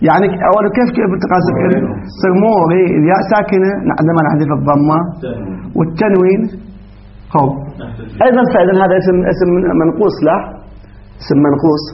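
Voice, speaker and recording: Brisk male grammar teacher, high voice, dull lo-fi recording. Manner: quick, questioning the class, laughs often. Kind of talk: Arabic grammar lesson.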